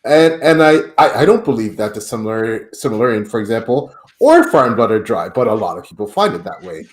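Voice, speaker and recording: A man's voice: lowish voice, very animated, fairly quick. A man hosting a podcast interview, enthusiastic and rambling, often repeating words as he talks. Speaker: podcast host. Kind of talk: casual interview chat. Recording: roomy echo.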